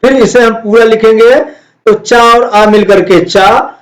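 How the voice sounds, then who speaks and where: A male Sanskrit teacher, explaining word meanings and slowly drilling each word for students to repeat. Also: high-pitched, steady tone, low-quality recording. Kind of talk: classroom lesson explaining words.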